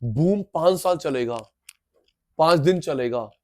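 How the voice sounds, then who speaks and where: High-voiced male teacher drilling terms. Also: expressive, slow pace. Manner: drills terms by repetition, addresses students directly; playful, mixes in jokes and skits. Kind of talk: classroom lecture.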